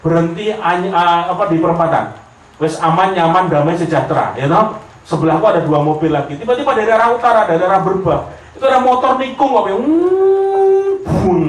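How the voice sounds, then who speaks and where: This preacher talks fast in a high voice with a Javanese accent, livening his sermon with humorous stories in which he performs each person's voice, sometimes switching to Javanese. The audience laughs in the lecture hall, and the echoey recording is made from a distance.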